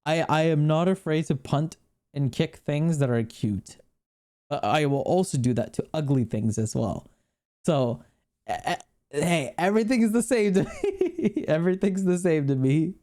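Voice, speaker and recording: A streamer with a mellow, medium-pitched voice at normal speed rambles through casual livestream chat. He laughs often and swears freely while talking to viewers and reacting to what's on screen.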